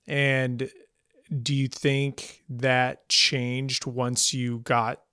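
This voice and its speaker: A man's voice: medium pitch, little pitch movement, extremely slow, sharp tone, clean tone, dry recording, clean studio sound. A man hosting an interview podcast, asking careful questions and hesitating as he searches for words. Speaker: podcast host.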